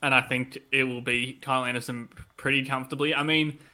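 Male sports podcast co-host, very bright forward tone, conversational and analytical, voice touched by tonsillitis. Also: medium pitch, little pitch movement, fairly quick. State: tonsillitis-affected voice that comes and goes. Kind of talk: casual sports podcast chat.

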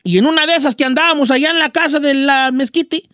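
Talking fast in a very high, bright and forceful voice with a steady tone, a man portrays a folksy old rancher with a Mexican accent. As a call-in radio host he rambles through a story and gives advice packed with rural slang, and the recording is dry with clean studio sound.

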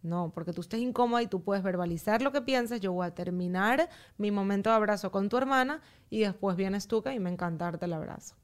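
Calm and deliberate, a woman with a mid-range voice describes her way of parenting in stages during a laid-back podcast conversation where she's the guest.

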